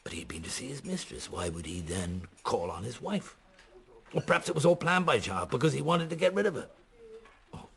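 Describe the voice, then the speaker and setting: In a naturalistic radio drama, an actor voices a pensive middle-aged police detective who mutters his thoughts, musing and hesitant. His mid-range voice is fairly quick and a bit bright, with big pitch swings and vocal fry.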